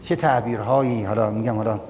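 A man's voice: fairly even intonation, darkish tone. A man giving a religious lecture. He reads out Arabic passages, explains them line by line and keeps asking his listeners questions. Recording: long hall reverb with faint rumble.

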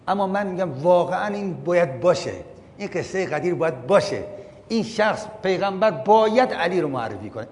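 A man giving a religious lecture. He reads out Arabic passages, explains them line by line and keeps asking his listeners questions. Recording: long hall reverb with faint rumble.

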